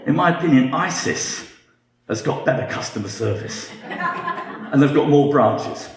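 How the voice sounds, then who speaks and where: A man's voice: on the high side, animated, a little slow, roomy sound. A British man in his fifties giving a humorous talk with dry, self-mocking wit. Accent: British English. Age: 50s. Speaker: guest speaker.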